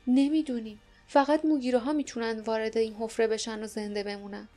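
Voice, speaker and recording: A woman voicing an anxious young kitchen worker who speaks in a low, fearful hush. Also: steady tone, faint music behind, natural voice. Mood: hushed worry.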